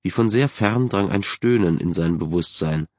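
A man calmly narrating a spooky youth novel in a measured way, as an audiobook narrator in a dull, dry booth recording. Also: low-pitched, dry recording. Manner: calm, measured storytelling.

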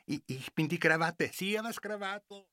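A man's voice: sits high, animated, measured pace, bright, forceful tone, no echo, clean studio sound, voice pushed up, heavily acted. A man voicing a timid, stammering necktie that has been bought as a Christmas gift. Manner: stammering, meek.

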